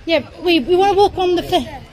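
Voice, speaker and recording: A Welsh-accented mother films a casual vlog on a handheld phone in an indoor buffet restaurant, chatting with and coaxing her child. Her voice is extremely high, animated, fairly quick and somewhat dark in tone, with noisy restaurant ambience around her.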